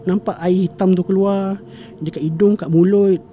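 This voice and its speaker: A young man's high-pitched, warm voice keeps fairly even intonation and a moderate pace as he tells a family story as a podcast guest. He rambles with many fillers and self-corrections, mixing in English words, and a slight hiss or hum can be heard.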